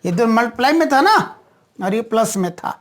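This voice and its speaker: A woman's voice: fairly high pitch, animated, a little fast. A woman teaching a maths lesson, patiently repeating each step and answering her own questions.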